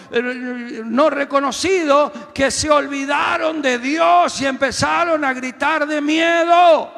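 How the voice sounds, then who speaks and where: Man, pastor, very high bright voice, shouting sermon, long hall reverb. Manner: builds to loud shouted exhortations.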